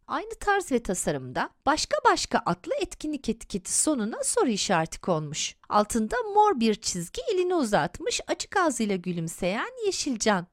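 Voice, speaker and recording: A woman reads a children's comic book aloud with careful, measured pacing, describing each picture. Her voice sits fairly high and moves through a wide, lively melody. The sound is dry and close to the mic. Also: no room sound. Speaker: audio description narrator.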